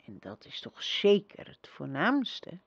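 A woman voicing a gentle young girl empress who speaks softly, calmly and reassuringly in a storybook reading. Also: sits low, takes it slowly, vocal fry, slightly rough, dry recording, dull audio, voice pushed down, full character voice. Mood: serene. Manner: soft, calm and reassuring.

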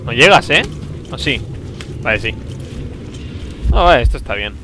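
A man from commentating a video game he is playing, talking to himself, with a sore throat, excitable and prone to loud outbursts. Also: mid-range voice, moderate pace, slight background noise, low-quality recording. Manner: excitable, talks to himself, bursts into loud exclamations. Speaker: gameplay commentator. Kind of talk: let's play commentary.

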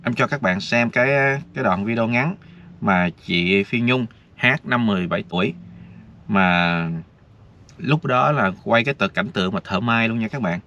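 A man's voice: fairly low pitch, moderate pace, pushed and bright. A man vlogger, rambling casually and talking straight to his viewers, filmed outdoors. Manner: chatty, addresses viewers directly, rambling. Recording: dull lo-fi with faint noise.

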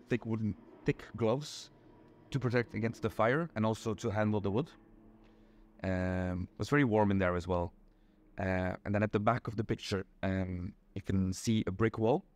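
A man's voice: on the low side, a little mellow. Young Belgian man explaining patiently. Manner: patient, explains step by step with many ums. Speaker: interview guest. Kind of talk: casual explanatory chat. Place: small indoor room.

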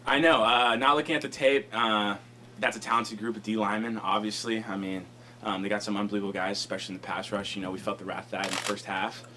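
Young guy at a postgame presser, talks fast, lowish voice, lots of "you know" and "um", faint hum behind. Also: little pitch movement, bright, forceful tone. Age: young adult. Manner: fast, rambling, many fillers like "you know" and "um". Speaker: college football offensive lineman. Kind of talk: post-game press conference answers. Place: press conference room, indoors. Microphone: table microphone.

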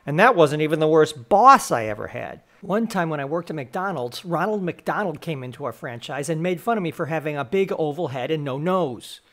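A young man telling a sarcastic comedic rant as an animated storyteller, deadpan and mocking. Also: on the high side, moderate pace, few pauses.

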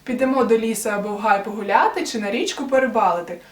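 A woman's voice: a little high, quick pace, recorded from a distance. A young woman explaining grammar step by step to viewers, patient and methodical, as a tutor preparing students for an exam. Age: young adult. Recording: echoey room, voice off-mic.

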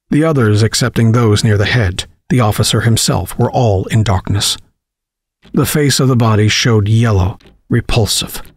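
A man narrates a horror story in a measured, dramatic reading. His voice sits low and sounds husky. It is recorded dry on a close mic, with no room sound. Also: darkish tone, dry recording.

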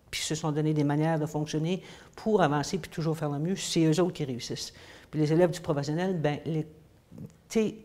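Sitting in a small room against a plain wall, an English teacher in her fifties responds to interview questions haltingly, with plenty of fillers. Her voice is fairly low and darkish in tone, and she speaks with a Quebec French accent, having grown up in the United States and then Quebec.

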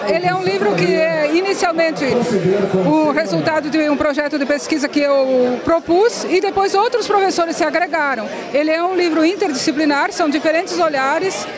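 A very high-voiced woman in her fifties, an author answering an interviewer in a thoughtful way, pausing and restarting. She speaks into a handheld mic at an indoor book fair stand, with a crowd audible behind her. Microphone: handheld reporter mic.

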